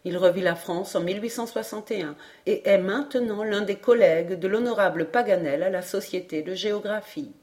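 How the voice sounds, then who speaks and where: A woman voicing an excitable learned geographer who explains things emphatically in an audiobook reading. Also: mid-range voice, brisk, few pauses, lightly acted. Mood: excited. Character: excitable, learned French geographer, middle-aged man.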